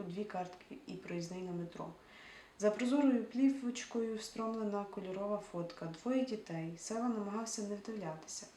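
A woman's voice: medium pitch, a little mellow. A woman reading a novel aloud who breaks off now and then to muse casually about unfamiliar words. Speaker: audiobook reader. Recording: roomy echo, distant mic, faint hiss.

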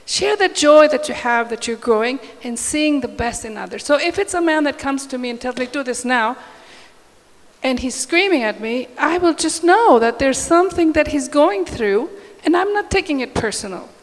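A woman's voice: sits high, animated, moderate pace. A woman speaking as a panelist on a conference stage, upbeat and emphatic, into a handheld mic. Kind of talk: panel discussion answer. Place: large conference hall stage. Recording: reverberant hall.

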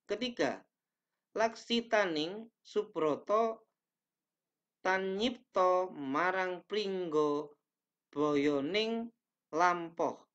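A man's voice: high voice, extremely slow, pauses often, a bit bright. A young man teaching a class, reading slides aloud with careful pacing and small self-corrections, in a small indoor room. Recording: dull lo-fi webcam audio.

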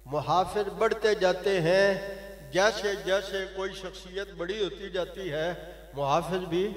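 An older man preaching an impassioned sermon at a mosque gathering, exhorting the crowd and calling on them to answer aloud. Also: sits high. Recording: echoey hall over loudspeakers.

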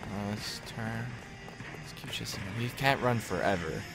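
A man's voice: fairly low pitch, moderate pace, gravelly, over music, poor audio. A man from Canada giving casual, joking commentary over a video game, with sweary, mock-heroic banter.

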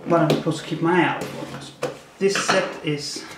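Guy doing an unboxing with cheesy card puns, loud echo bouncing off a bare room, faint hiss. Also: on the high side, steady tone, moderate pace. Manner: wry, punning asides about each card. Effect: echoey sound from a bare, unfurnished room. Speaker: unboxing video host. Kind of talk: casual unboxing commentary. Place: new apartment, not yet furnished, indoors.

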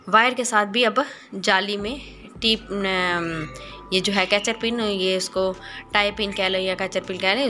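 A woman narrating a voice-over for her garden makeover video, explaining each step calmly with small hesitant pauses. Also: medium pitch. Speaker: gardening channel host.

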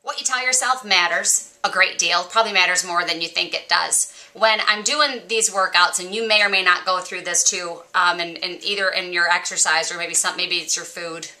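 A woman's voice: fairly low pitch, fairly even intonation, moderate pace, few pauses, sharp tone. A woman fitness vlogger talking casually and earnestly to her viewers about motivation. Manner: earnest, encouraging. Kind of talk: casual motivational talk to camera.

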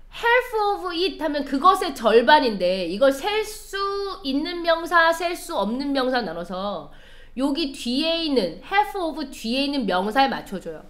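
Lady english teacher going through a text with the class, asks questions, slow and lively. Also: high-pitched. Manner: explains step by step, quizzes the class. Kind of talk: classroom lecture.

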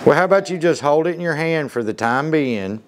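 A man's voice: fairly high pitch, animated, a little fast, heavy background noise. A man, talking casually into the camera in a family vlog in a folksy, chatty way while he looks after his kids. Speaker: family vlogger.

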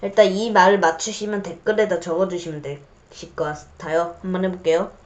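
A woman's voice: lowish voice, moderate pace. A woman talking casually to viewers as the host of a demo. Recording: dull lo-fi sound.

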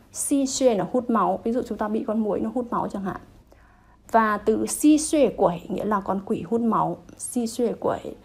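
Husky Vietnamese woman teaching slowly. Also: medium pitch, darkish tone. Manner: slow, careful pronunciation of example phrases. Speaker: Chinese language teacher. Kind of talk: lesson explaining phrases.

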